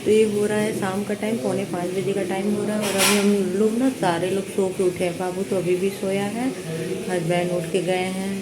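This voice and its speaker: Soft-spoken woman vlogger, noisy room. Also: mid-range voice, flat delivery, moderate pace. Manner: speaks softly so others nearby won't hear. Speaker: village life vlogger. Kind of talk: talking to camera.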